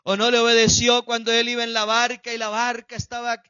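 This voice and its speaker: A pastor delivers a sermon in a high, lifted voice, jumping between shouted peaks and quiet asides. The sound is dry and close, with a slightly dull, muffled tone. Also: male voice, completely flat delivery, brisk, clear, resonant tone, no room sound. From Colombia. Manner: preaching with sudden shouted peaks and hushed drops.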